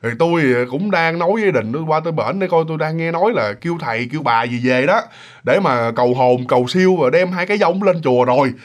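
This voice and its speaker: Brief: man playing a mild older village man, low and confiding, weary from sleepless nights. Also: animated, fast talker, natural voice. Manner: soft, confiding, subdued.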